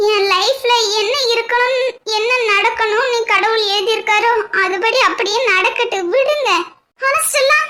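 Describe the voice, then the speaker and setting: A woman voicing a gentle, sorrowful young woman in a homemade cartoon, pleading and close to tears. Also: heavily acted. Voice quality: very high, bright, squeaky. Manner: pleading, tearful. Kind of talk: amateur cartoon voice acting.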